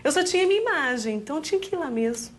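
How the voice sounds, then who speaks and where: A Brazilian woman in her thirties, a guest telling a personal story in an animated way, often laughing. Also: high-pitched, rapid-fire, slight background noise. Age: 30s.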